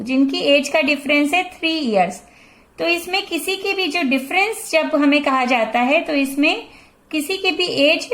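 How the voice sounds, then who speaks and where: A woman's voice: high voice, a bit bright, reverberant. A woman in her forties with an Indian accent, teaching a math lesson and patiently explaining a problem step by step, switching between Hindi and English. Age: 40s.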